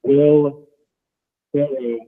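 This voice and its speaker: A man's voice: on the high side, little pitch movement. Muffled man on a tinny phone line. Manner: halting, with many uh fillers. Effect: muffled, as if through a wall. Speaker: caller. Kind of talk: call-in question to a radio show.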